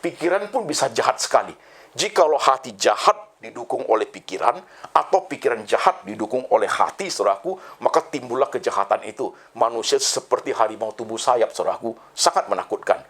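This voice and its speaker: A male pastor preaching a sermon. He rises high on key phrases, drops low and soft on a repeated address to the congregation, and mixes English phrases into his talk. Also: expressive, fairly quick, slightly rough.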